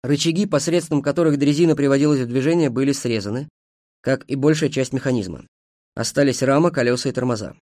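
A man's voice: mid-range voice, quick pace, a little mellow, dry recording. A man narrating a novel in a dry, ironic tone. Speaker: audiobook narrator.

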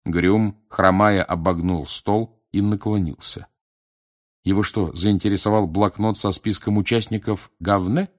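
A man narrating an audiobook in a steady, expressive storytelling manner. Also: on the low side, measured pace. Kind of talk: audiobook reading.

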